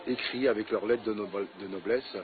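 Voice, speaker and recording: A man's voice: lowish voice, fairly even intonation, fairly quick, background noise. A man giving a formal, earnest interview statement for his association. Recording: phone-like audio with crowd behind.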